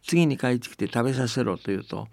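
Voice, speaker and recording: Fast and expressive, the man hosting a radio folktale show reads the stories and chats about them folksily, seeking agreement. His creaky, mid-range voice is a little mellow, and the dry recording has studio quality.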